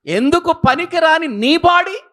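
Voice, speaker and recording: A man's voice: very high voice, lively intonation, a little slow, bright, forceful tone. A man preaching a sermon emphatically, firing rhetorical questions at his listeners.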